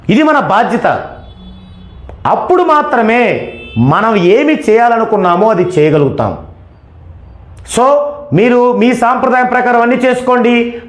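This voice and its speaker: Man, high voice, emphatic lecturer, asks and answers himself, roomy echo. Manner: emphatic, asks and answers his own questions. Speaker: numerology teacher. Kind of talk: explanatory lecture.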